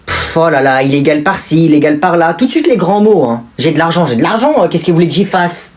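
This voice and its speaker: A man's voice: fairly high pitch, lively intonation, fast talker, close to an everyday voice. A man playing a smug, spoiled rich young man who talks down to everyone in a whiny, dismissive way. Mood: scornful. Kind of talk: comedy sketch acting.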